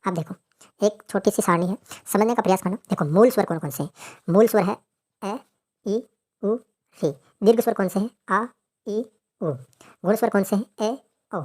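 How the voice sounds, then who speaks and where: A woman's voice: medium pitch, moderate pace, pauses often, a little mellow. A woman teaching grammar in a lecture, asking questions and then answering them herself.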